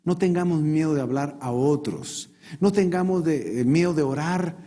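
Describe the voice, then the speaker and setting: A male pastor preaching a sermon, retelling a Bible story with lively, animated storytelling. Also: a little high, normal speed. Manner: animated storytelling, acting out voices.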